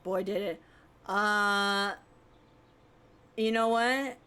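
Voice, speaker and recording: A woman's voice: mid-range voice, fairly even intonation, extremely slow, sharp tone, clean tone. A young woman streaming a video game, chatting playfully, giggling and reading game text aloud. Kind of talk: casual game stream chat. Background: game music.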